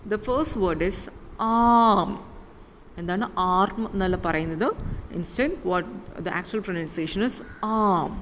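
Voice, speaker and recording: A woman with a Malayali accent teaching a phonetics lesson, repeating and drawing out sample words and answering her own questions. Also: mid-range voice. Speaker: English teacher. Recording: long reverb, faint room noise.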